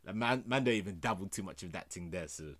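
Young man, London roadman accent. Slightly low, bright and hard-edged tone, slang-heavy casual chat. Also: fast. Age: young adult. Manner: animated slangy delivery with repeated tags.

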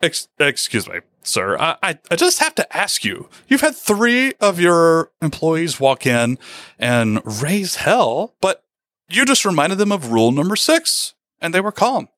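A politely puzzled visiting prime minister, put on by a man in a lifted, higher voice. He stumbles and hesitates as he edges toward his question, dry and close to the mic. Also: wildly swooping pitch, moderate pace, pauses often, a bit bright, no echo, full character voice. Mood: curious.

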